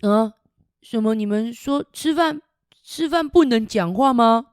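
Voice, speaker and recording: A woman's voice: on the high side, measured pace, a little mellow, no room sound, studio quality, pitched above the performer's own voice, lightly acted. A woman voicing a chatty, cheeky little monkey in a picture book, exclaiming and coaxing. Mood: puzzled. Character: chatty, cheeky little monkey who loves mealtime talk.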